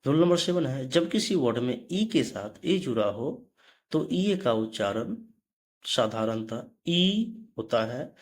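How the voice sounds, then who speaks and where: In a slow, explanatory lesson, a man teaches English pronunciation, speaking slowly with lively intonation at a medium pitch. Each word is spelled letter by letter before he pronounces it, and he occasionally stops to correct himself.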